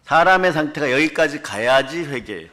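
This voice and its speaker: Male pastor, sermon in a church, bright forceful voice, loud scolding then low murmured asides. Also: lively intonation, normal speed. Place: church sanctuary.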